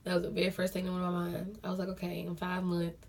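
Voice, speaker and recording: A woman's voice: on the low side, completely flat delivery, very fast, vocal fry, darkish tone. A young woman telling a personal story to viewers, chatty, repeating phrases for emphasis. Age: young adult. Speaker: vlogger. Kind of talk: casual storytime.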